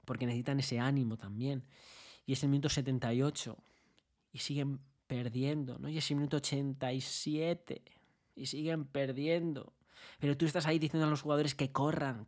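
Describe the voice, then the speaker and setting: A man delivers a motivational talk at a middling pitch. He speaks conversationally, keeps asking rhetorical tag questions and paints a vivid scene. Now and then he bursts into shouting. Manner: builds a vivid scenario, jumps into shouted bits.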